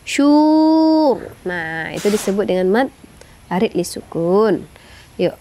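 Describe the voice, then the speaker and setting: A woman teaching Quran recitation rules, explaining slowly and singing verses in long melodic phrases. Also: on the low side, a little mellow, slight background noise. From Indonesia. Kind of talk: tajwid lesson with sung recitation.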